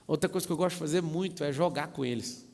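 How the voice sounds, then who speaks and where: Gravelly guy telling family stories, lots of slang, kinda high voice, echoey room. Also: fast talker. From Brazil. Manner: animated, slangy, acts out family scenes. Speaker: mentor speaking on a live stream. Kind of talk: storytelling talk. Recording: long reverb, echoey room.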